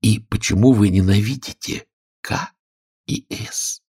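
A man's voice: mid-range voice, big pitch swings, normal speed, husky, no room sound, clean studio sound, pitched above the performer's own voice. A man voicing a polite, curious young girl in a storybook reading, speaking eagerly in a raised voice. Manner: polite, eager, rising questions.

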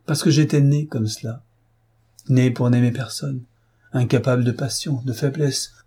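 A man's voice: mid-range voice, moderate pace, warm tone, slightly rough, lightly acted. A man reading an audiobook, voicing an earnest, proud young upper-class woman who speaks with heartfelt, emphatic pleading. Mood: impassioned.

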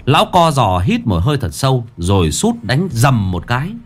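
A man narrating a ghost story in a dramatic, lively way. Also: mid-range voice, moderate pace, soft background music.

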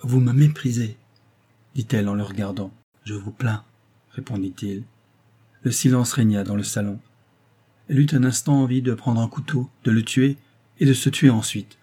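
A male audiobook narrator reads a novel with measured, even pacing. His voice is dark and mellow, with a slightly husky edge, at an ordinary pitch.

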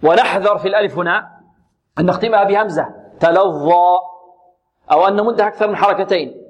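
A man's voice: sits high, dull audio. Patient man teaching Quran recitation. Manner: patient, repeats syllables slowly, asks and answers own questions. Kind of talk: tajweed lesson with recited examples.

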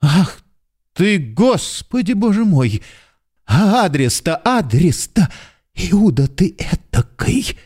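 A man's voice: high-pitched, very animated, takes it slowly, breathy edge, exaggerated voice. A man playing a frantic, jumpy little clerk. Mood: alarmed. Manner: agitated, pleading, bursts into shouting abuse. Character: nervous, excitable middle-aged male clerk. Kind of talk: literary radio drama.

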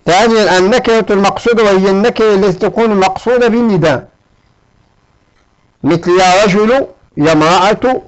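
رجل بصوت عالٍ يشرح درسًا في النحو. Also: male voice, high-pitched, low-quality recording. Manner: explains patiently, repeats examples, checks with "ha?". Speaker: Arabic grammar teacher. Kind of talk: classroom grammar lesson.

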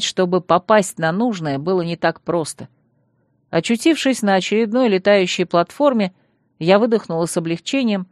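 A woman's voice: mid-range voice, dry recording, clean studio sound. Woman narrating a fantasy audiobook. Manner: lively storytelling, acting out the dialogue. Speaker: audiobook reader. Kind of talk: scripted narration.

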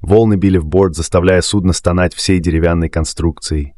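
A man reading a dramatic sea story aloud as a narrator, in a steady storytelling manner. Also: deep voice, brisk, no room sound, clean studio sound. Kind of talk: scripted narration.

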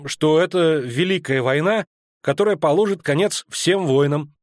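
A man's voice: fairly high pitch, moderate pace, no echo, clean studio sound, natural voice. A man voicing an unsure young man who speaks hesitantly in an audiobook.

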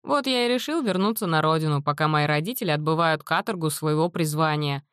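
A woman's voice: sits low, a little fast, clear, resonant tone, no room sound. Woman voicing a teenage boy, cheeky, know-it-all, storybook, talkative, dry close recording. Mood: chatty. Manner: chatty, teasing, lively explaining.

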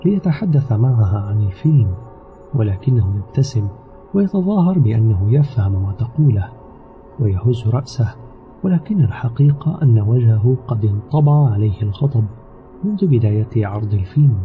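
A man narrating an audio novel in a steady, measured storytelling manner. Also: medium pitch. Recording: slightly dull recording with background music. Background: soft music.

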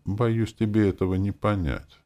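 A man's voice: lowish voice, moderate pace, mellow, pitched above the performer's own voice, lightly acted. A man voicing an offended young female elf author who is plaintive and indignant.

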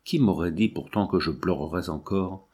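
A man reading the lines of a stern, proud old paralysed peasant woman in a storybook, in a low, grave, sorrowful manner. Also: moderate pace, warm tone, slightly rough. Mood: grieving, bitter.

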